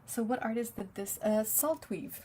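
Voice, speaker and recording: This young French Canadian woman, whose first language is French, reads her livestream chat aloud and laughs frequently as she paints and talks casually. Her slightly high, darkish voice moves at a moderate pace, with slight background noise.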